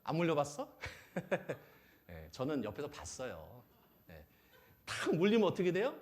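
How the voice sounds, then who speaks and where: Brief: male pastor, animated sermon, voice swings up and down, somewhat high. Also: unhurried. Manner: animated, acts out little scenes, asks the audience questions. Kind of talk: lively sermon.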